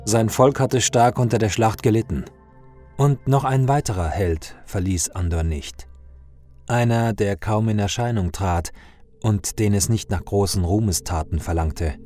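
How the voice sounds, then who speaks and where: A man narrating a scripted fantasy story in a measured, dramatic way. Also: fairly low pitch, dark tone, faint music behind.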